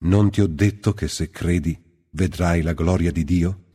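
A man voicing a calm, authoritative teacher in a slow, deliberate, solemn scripture reading. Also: deep voice, husky. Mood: grave. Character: calm, authoritative male teacher speaking gravely. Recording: long hall reverb.

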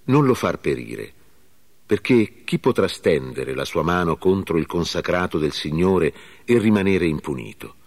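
An earnest young warrior who calls out with indignation and solemn pleading, read by a man. The voice sits very low and carries a grave, declaiming tone. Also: expressive, measured pace, a little mellow, exaggerated voice.

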